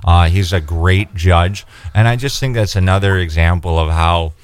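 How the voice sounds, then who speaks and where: A man's voice: low-pitched, clear, resonant tone, no echo. A man, a state senate candidate talking earnestly in a radio studio. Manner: earnest, measured, with fillers and restarts. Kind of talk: radio interview, campaign talk.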